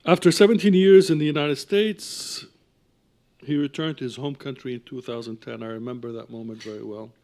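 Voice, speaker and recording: As director of an academic programme, a man delivers a formal, measured introduction, partly reading it aloud and often clearing his throat. His medium-pitched voice is mellow and steady in tone.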